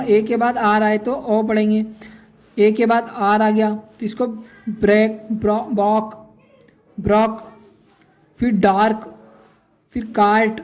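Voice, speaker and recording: A woman's voice: on the high side, a little mellow. A woman teaching a spoken English lesson, asking questions and answering them herself and spelling out example words letter by letter.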